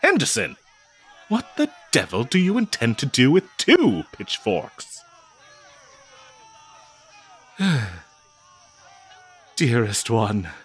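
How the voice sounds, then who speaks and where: In a comedic audio roleplay, a man plays a flustered, devoted nineteenth-century gentleman, verbose and old-fashioned, with a nervous stammer. His medium-pitched, heavily acted delivery sounds panicked and dramatic.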